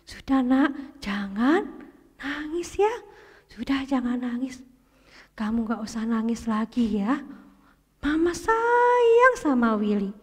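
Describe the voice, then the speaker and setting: A woman voicing a gentle, loving mother who comforts her son in a soft, hushed voice. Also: high voice, animated, slow pace, pauses often, full character voice. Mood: soothing. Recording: long hall reverb.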